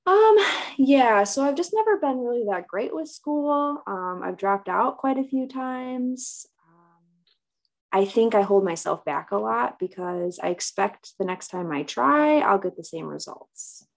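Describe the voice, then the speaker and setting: Hesitant woman with a very creaky voice. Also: fairly high pitch, expressive, measured pace. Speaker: therapy client in a role play. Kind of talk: conversational counseling session role-play.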